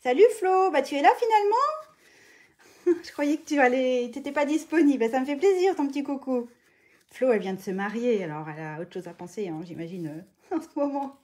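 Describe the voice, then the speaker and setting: Woman hosting a live crafting demo: mellow, higher-pitched, chatty, greets viewers mid-sentence. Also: lively intonation, a little fast. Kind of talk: casual live tutorial chat.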